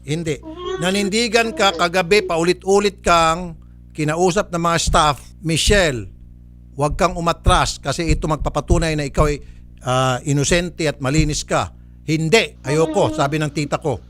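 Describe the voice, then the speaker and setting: His voice is fairly high and a bit bright, moving at a moderate pace. As the man hosting a public service program, he sternly rules on a case over the air, snapping refusals at a caller and mocking him with laughter.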